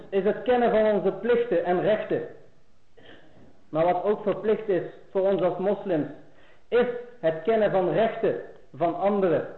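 A man giving an earnest Islamic lecture to his brothers and sisters, rising in force on key phrases. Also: high voice. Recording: echoey phone-like lo-fi recording.

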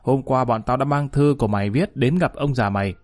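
A man's voice: mid-range voice, brisk, lightly acted. A man doing a sneering thug. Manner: sneering, threatening. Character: menacing male thug, sneering.

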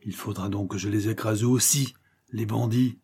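A man voicing an impassioned young male avenger with a husky voice and declamatory delivery. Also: mid-range voice, normal speed, mellow, lightly acted. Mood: indignant. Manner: declamatory, rising to vehement cries. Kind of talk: audiobook character reading.

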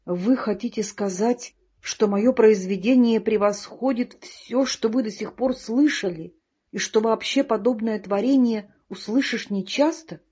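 A woman voicing a vain, pompous male ladybug poet who declaims slowly. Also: fairly high pitch, warm tone, slightly rough. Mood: grandiose. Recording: dull lo-fi recording.

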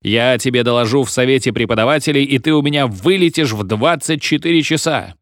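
A man voicing a pompous, bossy old professor who lectures and shouts orders at his class. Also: medium pitch, a little fast, no room sound, studio quality, natural voice. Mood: angry. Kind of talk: audiobook reading.

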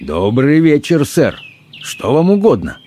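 A man's voice: medium pitch, sing-song, moderate pace, mellow, slight background noise, pitched above the performer's own voice, lightly acted. A man voicing a tall, bold middle-aged adventurer in an audiobook, speaking bluntly and curtly. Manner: blunt, curt.

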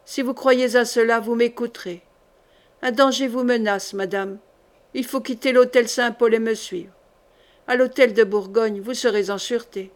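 A woman's voice: fairly high pitch, fairly even intonation, moderate pace, close to an everyday voice. A woman reading the lines of an ambitious duke in a historical audiobook, urging a young woman with feverish insistence. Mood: urgent. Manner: urgent, feverish pleading. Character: passionate ambitious duke, grown man.

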